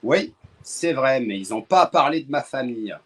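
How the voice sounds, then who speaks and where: A man from France hosting a live stream, chatting casually with callers and cracking deadpan jokes. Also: mid-range voice, normal speed, breathy edge.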